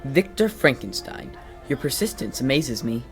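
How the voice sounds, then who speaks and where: A man's voice: medium pitch, very animated, normal speed, creaky, soft background music. An actor playing a courteous, avuncular male professor in a radio play, speaking in genteel, formal phrases. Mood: genial, courteous. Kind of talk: dramatic radio play acting.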